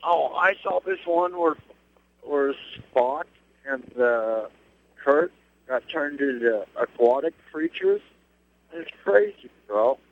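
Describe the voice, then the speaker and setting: A man's voice: a little high, expressive, slow pace, vocal fry, dry recording. Man on a choppy, breaking-up phone line. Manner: loose, slangy banter, calls people dude. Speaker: caller phoning in to a live show. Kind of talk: casual phone chat. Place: on a moving bus. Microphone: cell phone.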